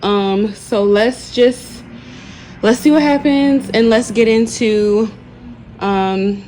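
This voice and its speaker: A woman's voice: fairly high pitch, fairly even intonation, takes it slowly, mellow, a little hiss or hum. Chatty woman vlogging a home project. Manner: chatty, upbeat, addresses viewers as y'all. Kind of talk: casual vlog walkthrough. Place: apartment living room, indoors.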